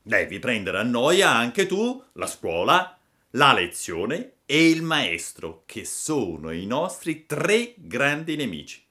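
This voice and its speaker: Man playing a schoolboy bully, threatening, loud, animated. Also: mid-range voice, slow, voice pushed up, full character voice. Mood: taunting. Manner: taunting, threatening. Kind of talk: storybook reading.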